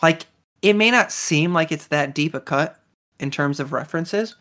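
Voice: mid-range voice, moderate pace, fairly bright tone. A podcast co-host in casual chat, reviewing an episode with enthusiasm and lots of fillers. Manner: chatty, enthusiastic, many fillers.

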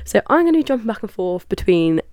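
A woman's voice: mid-range voice, sing-song, fast talker, darkish tone, no echo. A woman runs through a practice rugby preview in a put-on Scottish accent, teasing herself as she goes. Her voice is recorded close and dry, with no room sound around it. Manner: putting on a mock Scottish accent; jokey, self-mocking. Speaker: practice sports commentator. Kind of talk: amateur rugby commentary.

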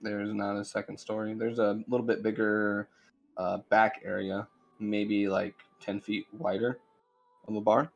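A man running a tabletop game as game master, in a relaxed, dry way. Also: fairly low pitch, a little slow, gravelly, highs cut off, faint music behind. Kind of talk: casual tabletop game narration.

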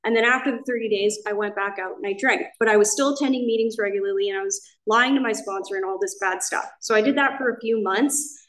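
A woman's voice: mid-range voice, fast, few pauses, a bit bright. A woman in her thirties with an American accent, telling her recovery story at a meeting, candid and emotional, a little nervous. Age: 30s. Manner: candid, emotional storytelling with many "I was like" quotes. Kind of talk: personal recovery share. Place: church meeting hall. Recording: echoey hall.

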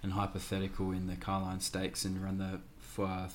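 A young Australian man co-hosting a racing podcast, flat and monotone, nasal from a cold, with many fillers. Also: low voice, moderate pace, slight background noise. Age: young adult. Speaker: podcast co-host, tipster. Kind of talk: casual podcast chat.

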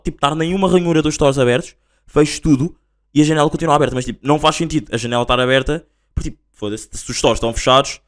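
A young man with a European Portuguese accent hosting a solo podcast, rambling and slangy as he tells stories in a casual, animated way. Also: on the high side. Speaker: podcast host.

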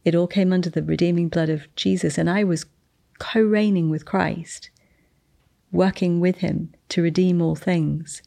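A woman earnestly telling a testimony of a spiritual encounter, with restarts and slowed, emphatic phrases. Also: lowish voice, fairly even intonation, creaky, mellow. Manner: descendant of the Boleyn family telling a spiritual encounter. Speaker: guest sharing a testimony. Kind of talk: storytelling testimony.

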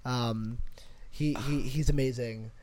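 A man's voice: medium pitch, steady tone, slow, darkish tone. A man co-hosting a casual podcast, talking loosely with many fillers and restarts. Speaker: podcast co-host. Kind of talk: casual chat.

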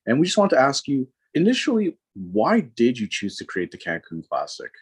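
A man's voice: medium pitch, huge pitch swings, normal speed, husky. A man hosting a podcast, leading with an upbeat, scripted-sounding introduction and casual questions. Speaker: podcast host.

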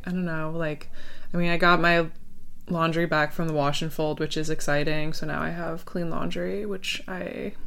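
Casting: young female podcast host, lowish voice, informal girly delivery, meandering and hesitant with constant filler. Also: clean tone. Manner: rambling, hesitant, frequent "like" filler. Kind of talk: casual solo chat.

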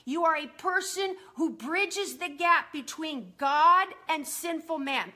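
High, bright-voiced woman preacher. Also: expressive. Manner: fast, earnest preaching with scripture quotes. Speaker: preacher teaching on prayer. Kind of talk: live-streamed sermon teaching. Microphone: streaming live.

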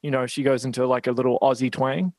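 A man's voice: medium pitch, little pitch movement, fast, a little mellow, no room sound, rough recording. A man hosting a podcast interview, asking questions in a casual, chatty way. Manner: casual, swears lightly, asks leading questions. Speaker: podcast host.

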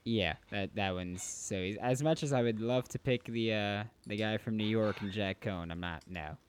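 A man's voice: fairly low pitch, moderate pace, a little hiss or hum. A man co-hosting a sports podcast, giving opinionated, teasing takes in casual banter.

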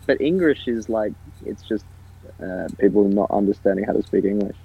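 A young Australian man co-hosting a comedy podcast, riffing absurd ideas in a rambling, deadpan way. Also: on the low side, moderate pace, creaky, husky, muffled recording. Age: young adult. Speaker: podcast co-host. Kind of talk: casual comedy chat.

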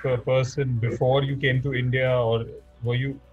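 A man's voice: medium pitch, level tone, moderate pace, muffled recording, over loud music. A man hosting an interview, asking questions politely and with some hesitation. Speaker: host.

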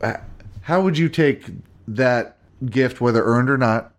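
A man's voice: mid-range voice, a little slow. A man co-hosting a podcast with a Virginian accent, blunt and casual, swearing now and then and asking questions. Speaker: podcast co-host. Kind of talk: casual chat.

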